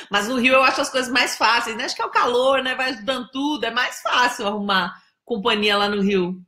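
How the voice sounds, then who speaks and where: A woman's voice: a little high, fairly quick, bright, forceful tone, echoey room. A Brazilian woman hosting a casual live stream, chatty and teasing as she greets viewers by name. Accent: Brazilian Portuguese. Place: indoors, home in São Paulo.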